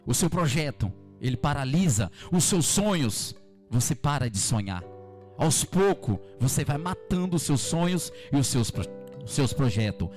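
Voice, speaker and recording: A man's voice: mid-range voice, sing-song, moderate pace, a little mellow, soft background music. A man with a Brazilian Portuguese accent preaching an evening church sermon, fervently repeating his calls to the congregation. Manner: fervent, repetitive exhortation addressing the congregation. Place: church service.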